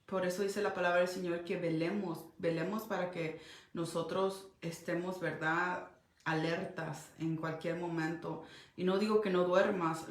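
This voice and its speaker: A woman's voice: on the low side, roomy sound. A woman pastor giving an earnest sermon, recounting a dream as testimony. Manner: earnest storytelling preacher.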